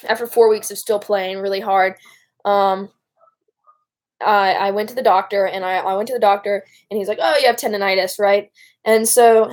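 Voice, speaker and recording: Young woman with a Michigan accent. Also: mid-range voice. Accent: Michigan, Great Lakes. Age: young adult. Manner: rambling, informal, breaks off and addresses viewers. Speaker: live-streamer. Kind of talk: casual live-stream chat.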